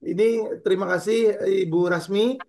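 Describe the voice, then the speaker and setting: A man's voice: high voice, moderate pace, darkish tone. A man moderating an online study session, introducing callers hesitantly with fillers. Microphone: online call.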